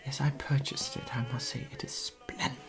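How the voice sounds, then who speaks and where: A performer in a whispered role-play as a genteel period society lady, gossiping softly and confidingly at a tea parlour. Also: mid-range voice, level tone, moderate pace, music in the background, lightly acted. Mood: chatty, admiring. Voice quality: soft, whispery.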